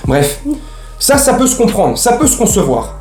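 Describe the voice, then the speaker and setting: A man's voice: high-pitched, sing-song, moderate pace, a little mellow, echoey room, faint music behind. A man hosting a casual football fan vlog, ranting in slangy, rambling speech. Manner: slangy, heated, rambling with restarts.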